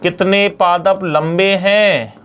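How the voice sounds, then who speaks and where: Male science teacher, high ringing voice, call-and-response drilling style. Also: steady tone, slow, fairly bright tone, clean tone. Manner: asks students questions and answers them himself; repeats key terms for drilling. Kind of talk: classroom lecture.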